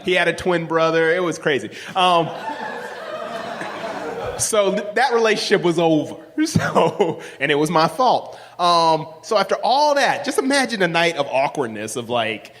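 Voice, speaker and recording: A man with a loud, projecting voice, telling a personal story on stage and acting out the dialogue. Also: a little high, moderate pace, slight background noise. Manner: animated, acts out dialogue in raised voices. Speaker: live storyteller. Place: stage in a large hall. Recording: live recording with long hall reverb.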